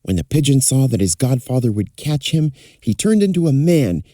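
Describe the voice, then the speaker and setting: A man's voice: mid-range voice, big pitch swings, moderate pace, mellow, dry recording, clean studio sound. A man telling a folktale in a fireside storytelling style, as narrator. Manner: acts out characters' dialogue.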